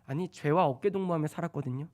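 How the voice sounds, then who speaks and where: A man preaching a sermon, swinging between loud urgent stretches and soft hushed ones. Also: fairly high pitch, fast talker.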